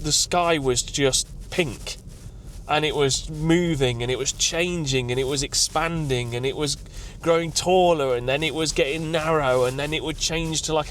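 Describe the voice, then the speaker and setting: Excited man vlogging from his car. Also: on the high side, a little hiss or hum. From England. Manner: excited, rambling, emotional. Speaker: tree consultant vlogger. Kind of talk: vlog. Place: outdoors at night, then in a car.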